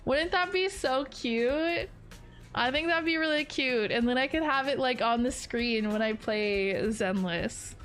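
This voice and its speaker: A woman streamer talks over a game in a high, lilting voice, taking her time with each line. She is giggly and playful, chatting straight to her viewers. Faint music runs underneath her home desk-mic sound. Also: unhurried, fairly bright tone. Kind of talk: casual gameplay commentary.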